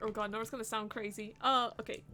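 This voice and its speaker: A woman's voice: fairly high pitch, flat delivery, quick pace, bright, forceful tone, soft background music. A woman playing a tabletop game with friends, giggling and exclaiming as she plays her character. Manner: giggly, exclaiming, talks over others. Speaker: player. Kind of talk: casual tabletop play.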